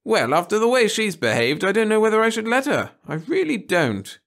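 In a storybook audiobook, a man pushes his voice high and exaggerated to play a strict, fussy, complacent schoolteacher who is a woman. He's very animated, fairly quick and fairly bright in tone, scolding her pupils with firm, prim authority.

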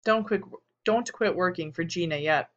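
A tearful, soft-spoken mother, read by a woman. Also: lowish voice, normal speed, highs cut off, natural voice. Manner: soft, small voice. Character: tearful, gentle middle-aged mother. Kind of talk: audiobook character reading.

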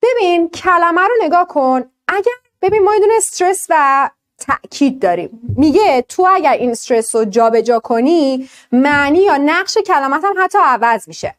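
High, lively woman teaching a class. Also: hardly any pauses. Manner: lively, explains with questions to students. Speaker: English teacher. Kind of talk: online class lesson.

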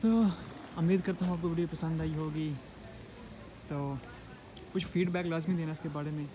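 A young man talks in a chatty, explaining way, his voice a touch higher than most and a little sore in the throat. He films himself on a handheld phone outdoors on a farm. Wind and outdoor noise come through clearly behind him. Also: flat delivery, normal speed. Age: young adult. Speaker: vlogger. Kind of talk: casual vlog narration. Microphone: phone camera held by hand.

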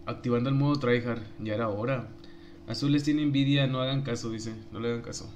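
A man's voice: medium pitch, steady tone, brisk, a little mellow, a little hiss or hum. A young man with a Mexican accent, a streamer joking and laughing as he reads his chat aloud. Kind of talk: casual live-stream chat.

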